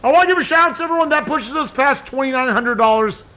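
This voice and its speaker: A man hosting a charity livestream, excitable, reading donations aloud and reacting loudly. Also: very high voice, quick pace. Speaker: charity stream host. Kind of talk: casual livestream chat.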